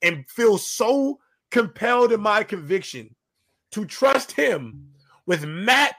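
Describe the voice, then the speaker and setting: A man's voice: high voice, big pitch swings, takes it slowly, fairly bright tone. A man hosting a heated, casual sports debate, speaking emphatically and repeating phrases to hold the floor. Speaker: sports talk show host moderating a panel.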